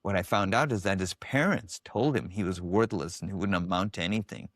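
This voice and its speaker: A man's voice: sits low, brisk, a bit bright, dry recording, studio quality. A man being interviewed as a guest expert, telling stories with animation and acting out the voices of the people he quotes. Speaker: guest, biofeedback specialist. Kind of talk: casual interview storytelling.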